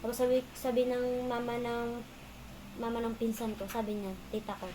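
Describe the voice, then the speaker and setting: Lady with a kinda high voice rambling thru her own story, stops and restarts a lot. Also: flat delivery, a little hiss or hum, rough recording. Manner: rambling, halting, restarts often. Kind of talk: casual personal storytelling.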